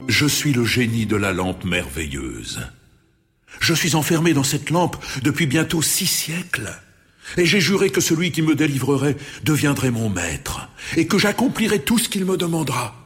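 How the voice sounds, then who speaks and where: A man's voice: fairly high pitch, very animated, moderate pace, fairly bright tone. Solemn old genie, ceremonious, reverb-drenched, man acting. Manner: grand, ceremonious. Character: solemn ancient male genie of the lamp. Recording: long reverb.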